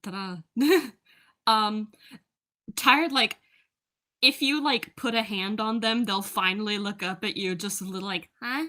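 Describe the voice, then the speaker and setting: Casting note: woman player, slow delivery, bright voice, giggly. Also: mid-range voice. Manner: giggly, laughs often. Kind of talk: playing a tabletop role-play.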